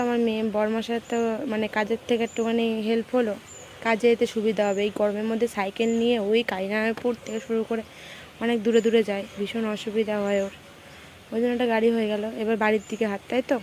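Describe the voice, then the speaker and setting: A woman homemaker, chatting casually to her viewers about her day and her household chores in a hushed voice. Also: fairly high pitch, slight background noise. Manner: talks softly in a hushed voice; chatty, runs through daily chores. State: hot and sweaty. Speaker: lifestyle vlogger and homemaker. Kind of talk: casual chatty vlog narration. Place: rented village home, indoors and outdoors.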